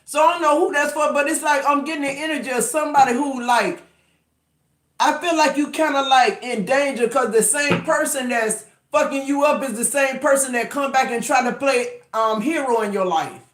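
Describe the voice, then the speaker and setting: Speaking at a moderate pace in an extremely high, fairly bright voice, a tarot reader in his fifties delivers a casual reading full of emphasis, profanity, and rambling restarts. The room he's in is echoey.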